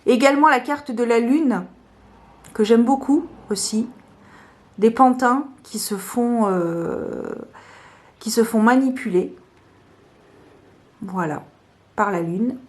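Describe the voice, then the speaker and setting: A woman casually showing her favourite tarot cards, talking hesitantly with many fillers. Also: on the high side. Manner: slow, soft-spoken. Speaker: tarot vlogger.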